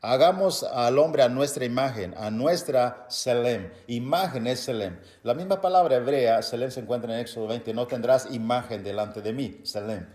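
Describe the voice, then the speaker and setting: Speaking at a normal pace with hardly any pauses, a medium-pitched male preacher reads Bible verses and explains them, calling his audience brothers. His quieter teaching is punctuated by loud, emphatic outbursts, and the room echoes.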